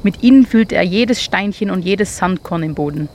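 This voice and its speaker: A woman reading a children's story aloud, as if to listeners gathered around a campfire. Her voice sits at a middle pitch and moves calmly and invitingly. A faint hum of noise stays in the background. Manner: calm, inviting, measured.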